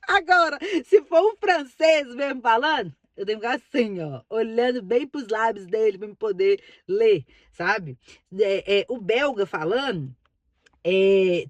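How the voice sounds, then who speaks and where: A woman's voice: fairly high pitch, no room sound. A middle-aged woman from Brazil with a Brazilian Portuguese accent, chatting casually to camera as a vlogger, emphatic and repeating herself for stress.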